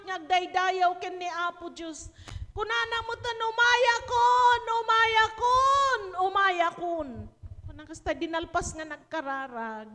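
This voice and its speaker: A woman's voice: very high voice, fairly bright tone. A woman pastor with an Ilocano accent preaching a sermon, moving between Ilocano and English with rising emphasis. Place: church hall. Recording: hall reverb.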